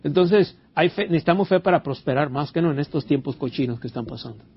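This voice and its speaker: A man's voice: fairly high pitch, fast, husky. A man preaching a sermon in church, quizzing the congregation and throwing in amens and hallelujahs. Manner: preachy, asks the congregation questions, interjects amen and hallelujah. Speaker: pastor. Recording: dull lo-fi church recording.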